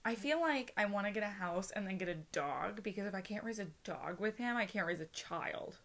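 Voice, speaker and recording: Bubbly bright-voiced young woman chatting. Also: medium pitch, animated. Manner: giggly, playful, quick to joke. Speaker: podcast host. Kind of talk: casual chat. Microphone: tabletop podcast mic.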